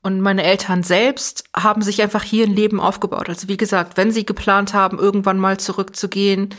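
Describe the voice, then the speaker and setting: Brisk and flat in delivery, with a mid-range voice, this German-raised young woman reflects as an interview guest. Her answers are earnest and considered, and she frequently starts phrases over while working out her thoughts.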